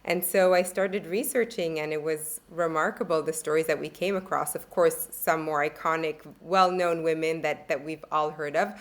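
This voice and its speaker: A middle-aged woman from Italy, an author guest on a podcast, reflectively telling stories with frequent pauses and ums. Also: low voice, fairly even intonation. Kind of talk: podcast interview.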